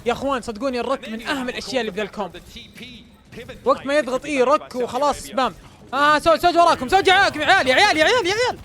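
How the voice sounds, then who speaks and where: Brief: male streamer, fast-talking, excitable and chant-heavy. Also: extremely high pitch. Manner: excitable, cheers and chants repeatedly, urges the team on. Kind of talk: excited live watch-along commentary.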